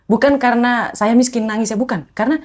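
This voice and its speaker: A woman's voice: a little high, quick pace. A young woman, a former ride-hailing driver, telling her life story as a guest in a casual podcast interview, acting out the voices she quotes. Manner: animated, acts out quoted voices.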